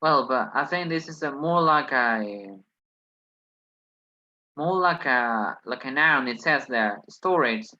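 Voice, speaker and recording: A man's voice: medium pitch, lively intonation, slow, pushed and bright, highs cut off. A man who is not a native English speaker teaches an online lesson, reasoning hesitantly through exercises with many fillers. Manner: hesitant, thinks aloud, many "well"s.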